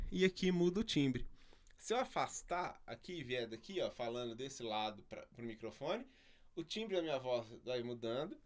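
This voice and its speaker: A man's voice: on the high side, a bit bright, no echo. A man teaching microphone technique and moving around the mics as he explains, so his level and closeness keep changing. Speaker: audio tutorial host. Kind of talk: hands-on demonstration. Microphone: studio microphones at shifting distances.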